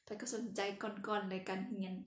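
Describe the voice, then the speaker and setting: A woman's voice: medium pitch, steady tone, a little fast, reverberant. A woman with a Lao accent teaching a casual language lesson, chatty and laughing at her own slips.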